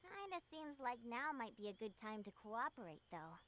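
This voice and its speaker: An actress playing a naive, eager young girl hunter in a video game, with a childlike, animated delivery. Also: on the high side, moderate pace, a little hiss or hum. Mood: eager, curious.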